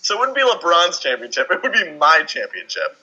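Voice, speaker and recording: A man's voice: on the high side, wildly swooping pitch, fairly quick, pushed and bright, breathy edge, muffled recording. A man co-hosting a casual podcast chat, ranting in a fired-up, profane way. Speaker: podcast co-host.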